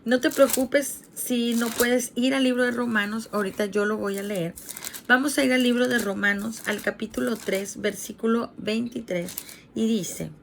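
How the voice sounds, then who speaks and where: A woman's voice: fairly high pitch, steady tone, moderate pace, vocal fry, slight background noise. Woman preaching to video viewers. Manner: earnest teaching, addresses viewers directly. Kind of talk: sermon retelling a parable and reading scripture. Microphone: streamed video.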